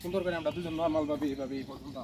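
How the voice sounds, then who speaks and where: Fast-talking man directing a shoot. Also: fairly high pitch, fairly even intonation, crowd noise. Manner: brisk, instructive, counting cues. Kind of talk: giving directions on a film set. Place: outdoor resort film set.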